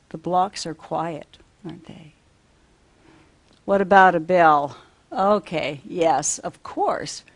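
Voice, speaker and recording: A woman teaching a simple children's lesson as if reading to a toddler, asking sing-song questions and repeating simple phrases. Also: on the low side.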